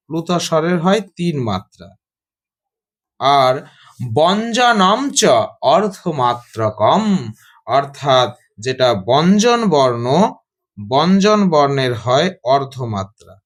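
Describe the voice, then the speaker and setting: Male teacher, high voice, patient explainer who drills and quizzes students. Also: very animated, measured pace. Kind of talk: Sanskrit grammar lesson.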